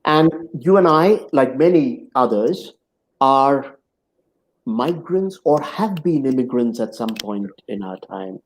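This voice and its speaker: A middle-aged man hosts a conversation over a video call. He speaks very slowly and measuredly, with a reflective, philosophical bent and a mid-range pitch. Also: animated, poor audio. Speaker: host and interviewer. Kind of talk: reflective interview hosting.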